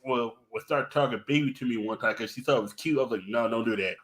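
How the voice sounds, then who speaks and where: A man's voice: mid-range voice, quick pace, fairly bright tone. A man hosting a podcast in casual chat, rambling and repeating himself and swearing freely. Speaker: podcast host.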